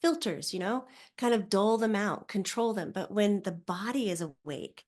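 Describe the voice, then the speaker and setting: A woman, a psychic medium guest, talking casually on a podcast and acting out quoted voices with lively swings. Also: mid-range voice, moderate pace. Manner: animated, acts out quoted voices.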